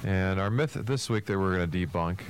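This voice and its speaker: Male radio co-host, deep voice, informal business-coach chat, faint noise behind. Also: fairly quick. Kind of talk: casual radio talk show chat.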